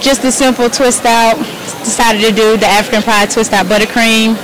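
A woman's voice: on the high side, level tone, moderate pace, crowd noise. A woman vlogger answering questions in a friendly, easygoing way at an expo, into an interviewer's handheld mic. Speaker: vlogger guest. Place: busy indoor expo hall. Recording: noisy hall background.

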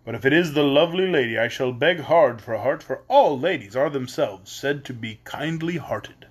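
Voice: mid-range voice, expressive, normal speed, breathy edge. A reader voicing an earnest tin man. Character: Tin Woodman, polite, gentle, made of tin.

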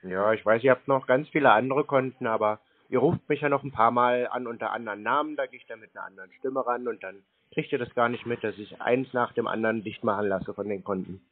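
This man baits scam call centers by phone, keeping the conversation casual, laconic and teasing. His medium-pitched voice moves at a quick pace with hardly any pauses, heard through band-limited phone-call audio without room sound.

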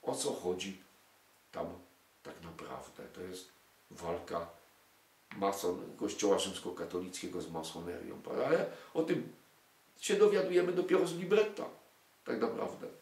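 A man's voice: deep voice, lively intonation, moderate pace, long pauses, darkish tone. An older man giving an emphatic lecture to an audience, full of rhetorical questions and indignant asides. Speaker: lecturer on music and culture. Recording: echoey room.

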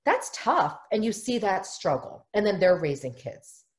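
Over a video call webcam, a middle-aged woman from the US who works as a family therapist runs an online workshop from her home office. Her mid-range voice is sing-song and a little slow as she explains earnestly, often performing quoted voices.

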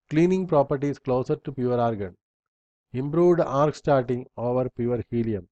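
A man's voice: mid-range voice, mellow, no room sound, lo-fi sound. A man instructor reading slide bullet points aloud in a recorded lecture, in short fragments with small slips and restarts.

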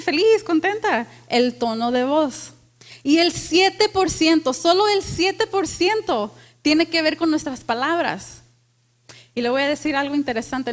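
A woman pastor preaching a lively sermon to a congregation, asking them questions and dropping in English phrases. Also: high-pitched. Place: church with congregation.

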